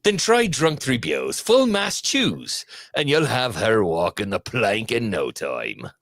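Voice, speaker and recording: A man's voice: medium pitch, sing-song, unhurried, a bit bright, dry recording, clean studio sound. A man putting on a pirate voice to read a joking commercial for a podcast, in a playful mock-sales manner. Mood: mock salesy. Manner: playful mock-commercial delivery, breaking into laughs. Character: pirate pitchman reading a cheeky ad.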